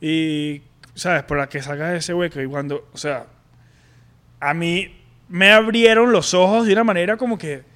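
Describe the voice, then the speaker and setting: High-voiced Venezuelan man telling a story. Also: fairly even intonation, a bit bright, clear, resonant tone. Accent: Venezuelan Spanish. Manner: candid, halting, full of slang and restarts. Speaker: podcast co-host. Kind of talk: casual personal storytelling.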